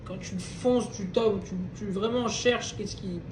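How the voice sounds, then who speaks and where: A Torah class teacher with a high voice speaks a little slowly, reading Hebrew text and then explaining it in French while questioning the group to check they follow. The roomy space echoes, the mic is distant, and faint background noise hums along.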